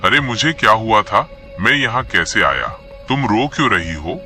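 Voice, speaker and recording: A man's voice: on the low side, very animated, normal speed, sharp tone, soft background music, exaggerated voice. A man playing a young husband who talks harshly and dismissively. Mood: confused. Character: young husband, quarrelsome then frightened.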